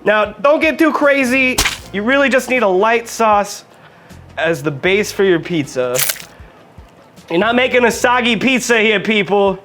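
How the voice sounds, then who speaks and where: A man's voice: high-pitched, lively intonation, measured pace, a bit bright, soft background music. A man hosting a home cooking video, joking and chatting directly to viewers as he demonstrates. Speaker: cooking show host.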